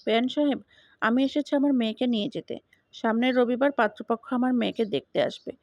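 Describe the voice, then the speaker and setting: A woman voicing a calm, dryly teasing father of the bride, in her own plain voice. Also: very high-pitched, a little fast, no room sound. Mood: wry. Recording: dull lo-fi dry recording.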